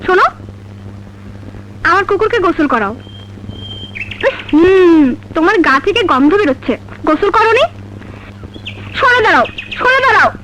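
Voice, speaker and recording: A woman's voice: very high voice, very animated, moderate pace, pauses often, background noise. An actress playing a haughty, bossy young rich woman who scolds imperiously in melodramatic film style, mixing in English commands. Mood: haughty, scolding. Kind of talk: melodramatic Bangla film acting.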